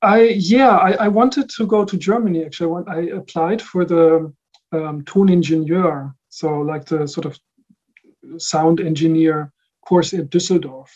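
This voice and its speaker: A man's voice: a little high, moderate pace, darkish tone, lo-fi sound. A man who grew up in the Netherlands, answering interview questions about his work in a casual, thoughtful way with frequent fillers and restarts. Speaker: recording engineer guest.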